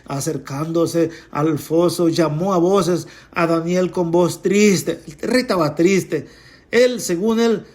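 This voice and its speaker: A woman's voice: fairly low pitch, darkish tone. Woman explaining scripture verse by verse. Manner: repeats and explains, addresses listeners directly. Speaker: Bible teacher. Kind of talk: reading scripture with commentary.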